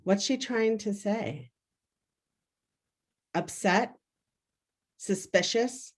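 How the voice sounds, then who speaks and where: Woman, workshop facilitator, video call, energetic, keeps asking "right?". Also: mid-range voice, very slow. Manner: energetic, frequently asks "right?".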